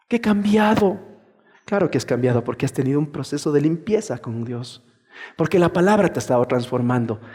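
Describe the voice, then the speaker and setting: A male pastor preaching a sermon in a lively way, acting out the voices of churchgoers as he goes. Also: sits high, in a large hall.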